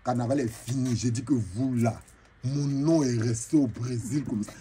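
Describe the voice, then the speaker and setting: Lightly acted and mellow, a man's mid-range voice moves at a moderate pace as he plays a boastful, flamboyant woman who heads the braiders, recounting comic tales and lapsing into broken English. The comedian, who has an Ivorian French accent, delivers this in-character monologue over a little hiss or hum.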